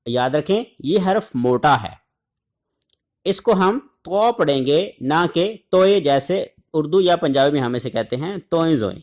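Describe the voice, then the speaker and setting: A man from Pakistan leads a Quran reading lesson, sounding out each letter and syllable slowly and deliberately. His voice sits a little high for a man. He breaks into short chanted recitations as examples. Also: lively intonation, a little mellow.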